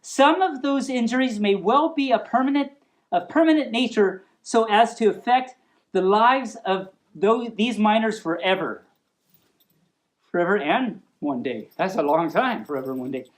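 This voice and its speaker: A woman hosting a storytime show reads aloud playfully with mock seriousness, stumbling over long words and adding chatty asides. Her voice is mid-range and she speaks at a normal speed.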